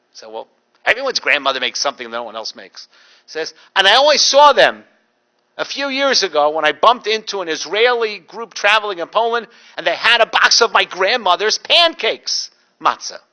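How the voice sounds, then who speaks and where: In a higher-pitched voice at an ordinary speed, a middle-aged rabbi tells stories in a public talk. His humor is dry, and he livens things up by imitating the people in his anecdotes.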